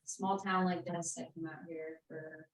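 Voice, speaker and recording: A woman's voice: low-pitched, little pitch movement, measured pace, reverberant, poor audio. A young woman, a college senior, introducing herself eagerly at a meeting. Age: young adult. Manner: eager, upbeat. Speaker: college student.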